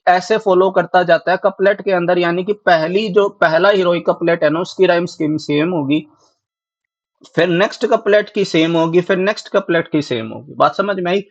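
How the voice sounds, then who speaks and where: Male teacher, Haryanvi accent, high voice, dry and slightly dull recording, quizzes the class and answers himself. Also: no echo. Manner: repeats questions to students and answers them himself; mixes English terms into Hindi. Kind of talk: exam-prep lecture.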